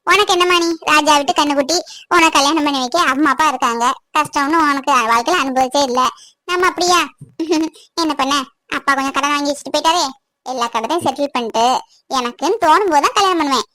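Woman doing a young cartoon girl chatting on the phone, worried, super high voice, dry. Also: quick pace, pushed and bright, no room sound. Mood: fretting. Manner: chatty, frank, fretting. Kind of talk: cartoon voice acting.

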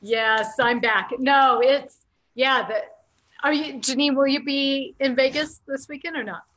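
A woman chatting casually on a radio show, halting and repeating words as she reflects. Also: high voice, steady tone, a bit bright.

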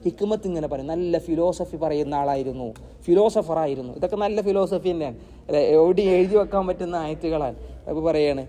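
A man teaching a Quran lesson, posing rhetorical questions and answering them himself, and reciting Arabic verses slowly. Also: a little high, dark tone.

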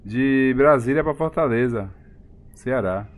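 Chatting with viewers during a live game broadcast, a man greets them by name in his Bahian Brazilian Portuguese accent. He hails from Salvador, Bahia, Brazil, and speaks a little slowly at a medium pitch.

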